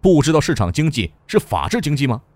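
Guy doing a stern mocking governor, pitch swings all over, dry sound. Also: big pitch swings, quick pace, darkish tone, dry recording. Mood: sarcastic. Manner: sarcastic, scolding. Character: stern sarcastic male provincial governor.

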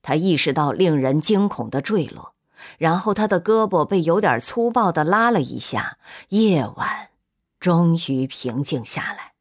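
Steady woman reading a novel aloud. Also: on the low side, unhurried. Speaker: narrator. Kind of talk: scripted audiobook narration.

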